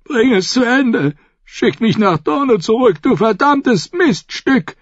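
A man's voice: mid-range voice, unhurried, husky, no room sound, muffled recording. A man voicing a brutal male sellsword who talks in a coarse, sneering way. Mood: dying rage.

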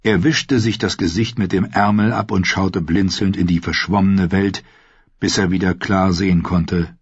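A man narrating a fantasy novel in an expressive, measured reading. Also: low voice, breathy edge, dry recording, lo-fi sound. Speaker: audiobook narrator.

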